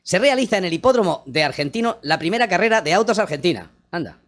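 A man co-hosting a comic show, reading historical dates and joking with puns in casual banter. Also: high-pitched. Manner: jokey, wordplay, quick and lively. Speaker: comedy radio co-host.

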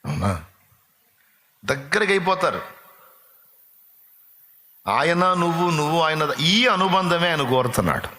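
A man preaching a sermon, passionately asking the congregation rhetorical questions and now and then breaking into slow sung hymn lines. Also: fairly high pitch, big pitch swings, bright, forceful tone. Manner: addresses listeners directly with rhetorical questions.

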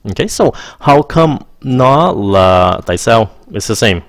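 A man teaching English in a casual video lesson, switching between languages, saying "ok" often and slowing down to model example sentences. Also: medium pitch, expressive. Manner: mixes English phrases into explanations, repeats "ok" often.

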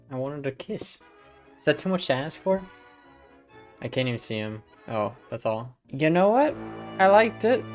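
A man commentates on a horror game in a gravelly, relaxed voice. He is sarcastic and profane and jokes his way through the scenes. Faint game music plays underneath, and his pitch sits at an average level. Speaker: gaming YouTuber. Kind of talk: gameplay commentary.

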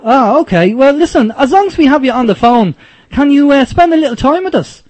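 High-voiced late night call-in host, man. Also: animated, fairly quick, darkish tone. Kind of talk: unscripted-sounding phone-in hosting.

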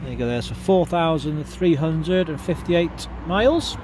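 Male car salesman, slightly high voice, congested with a cold, informal walkaround patter over clear outdoor noise. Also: animated, normal speed. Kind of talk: casual walkaround sales presentation. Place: outdoors at a car lot, walking around a car. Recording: outdoor handheld video with clear background noise.

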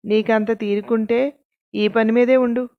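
A woman's voice: on the high side, fairly even intonation, a little slow, muffled recording. A woman voicing a blunt, defiant male mason who fires back taunting retorts in a told story.

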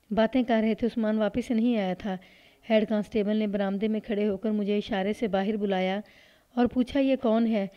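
A woman narrating a read-aloud story in a steady, measured way. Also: on the high side. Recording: dull lo-fi recording.

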